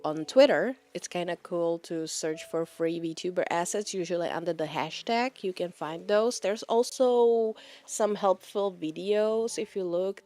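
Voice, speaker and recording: Slow-talking woman streamer. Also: on the low side, dark tone. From Czech Republic. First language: Czech. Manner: rambling, laughs often. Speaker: VTuber streamer. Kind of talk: casual chat with live chat.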